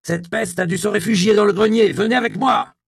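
A menacing provost, as a male narrator puts him on, growling low and gravelly in a story reading, then bellowing orders far above his usual pitch. The voice is dry and close. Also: normal speed, no echo. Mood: furious shouting. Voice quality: growling, shouting. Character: menacing, furious male provost hunting a girl.

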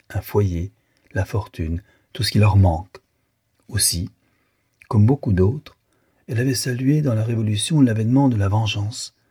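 A man reading a classic novel aloud as an audiobook narrator, in a measured, even manner. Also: sits low, breathy edge. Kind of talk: scripted literary narration.

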